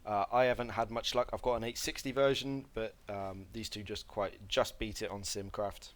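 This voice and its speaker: A game guide presenter talks through a gameplay tutorial in a lowish voice, delivering it flatly at normal speed. It's casual and rambling, full of fillers and self-corrections, with a slight cough from an irritated throat.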